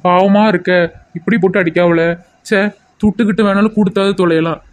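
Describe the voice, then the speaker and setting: A woman's voice: medium pitch, fairly even intonation, a little fast, darkish tone, natural voice. A woman voicing a confused, cranky old village grandmother who scolds in rustic dialect. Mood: scolding.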